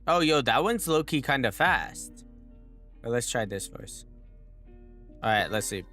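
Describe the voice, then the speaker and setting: A man's voice: medium pitch, animated, measured pace, pushed and bright, soft background music. A man streaming a game live, talking in a blunt, offhand way, swearing casually and answering his viewers. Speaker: livestreamer helping viewers in a game.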